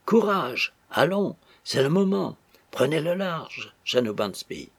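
A man voicing an anxious, gruff old sea captain who pleads insistently in a big, gravelly voice. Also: a little high, expressive, unhurried, dry recording, voice pushed up, exaggerated voice. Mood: urgent pleading.

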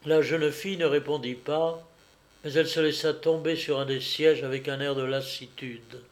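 A man narrating a classic novel as an audiobook in a measured, expressive way. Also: fairly high pitch.

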